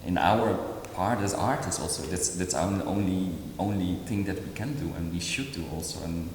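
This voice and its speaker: A very deep-voiced, slightly mellow Indonesian-born man in his forties answers interview questions as an artist, speaking haltingly with lots of fillers and restarts. The recording comes from a large echoey hall with long reverb and a faint hiss.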